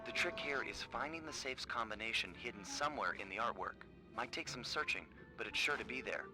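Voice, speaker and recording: A man's voice: mid-range voice, lively intonation, brisk, lightly acted. A man voicing a suave young male raccoon thief who talks in a cool, laid-back, dry way, in a game. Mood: confident. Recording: game audio with music behind.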